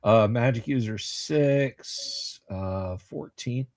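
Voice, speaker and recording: A man's voice: medium pitch, very slow, darkish tone, no room sound, studio quality. A man running a tabletop game as game master, narrating and ruling in a playful, theatrical, improvised way.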